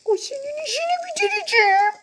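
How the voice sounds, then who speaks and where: A man voicing a boastful giant titan villain in a game video, with a shrill, threatening squeal. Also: lively intonation, quick pace, a bit bright.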